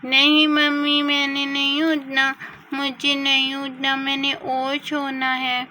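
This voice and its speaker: A woman's voice: high voice, completely flat delivery, slow, bright, forceful tone, a little hiss or hum, exaggerated voice. A woman doing a whiny sleepy little girl doll. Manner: whiny, begging.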